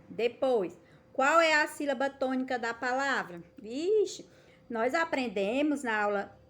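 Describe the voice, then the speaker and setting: A patient woman with a Brazilian Portuguese accent and a fairly high, fairly bright voice teaches young children in a recorded remote lesson. She often checks in with "tá certo?" and stretches words slowly to show stress.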